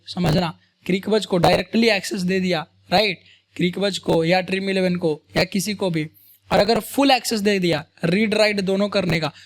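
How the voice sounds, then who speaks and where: A man teaches a screen-recorded coding lesson. He talks in a loose, conversational way and keeps checking in with his viewers by asking "right?" and "boss?". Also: sits high. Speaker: programming tutor.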